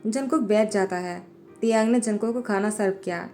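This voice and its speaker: A woman reading a fan fiction story as a voiceover, narrating in a plain, steady way, with faint music behind her. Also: medium pitch, fairly quick. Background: faint background music.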